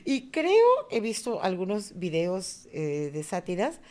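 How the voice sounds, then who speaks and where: A woman's voice: fairly low pitch, slow pace. A middle-aged woman with a Peruvian Spanish accent tells stories in a casual chat. Her voice rises and falls a lot. She slips into quoted voices as she goes. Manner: animated storyteller acting out quoted voices. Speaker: podcast co-host.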